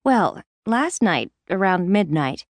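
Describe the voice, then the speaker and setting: A woman reading a scripted dialogue for language learners, telling an animated story with a complaint. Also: mid-range voice, slow pace, dry recording.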